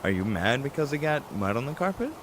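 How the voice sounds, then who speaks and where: A man's voice: mid-range voice, big pitch swings, fairly quick, natural voice. Male actor as a literal-minded young adult brother in a game, blunt and matter-of-fact, rain behind. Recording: rain and thunder noise behind.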